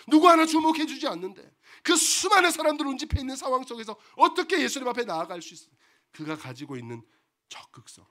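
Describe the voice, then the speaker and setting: A man's voice: extremely high pitch, sharp tone. A man preaching a sermon as pastor, asking the congregation rhetorical questions and repeating phrases for emphasis.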